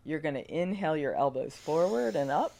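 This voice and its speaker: A woman with a gravelly voice from a cold, speaking as a guest yoga teacher and guiding meditation and movement in a measured, instructional way. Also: deep voice, animated, dark tone, slight background noise. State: has a cold.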